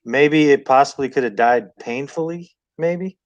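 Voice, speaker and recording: A man's voice: mid-range voice, measured pace. A man hosting a casual interview, probing with follow-up questions. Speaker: host.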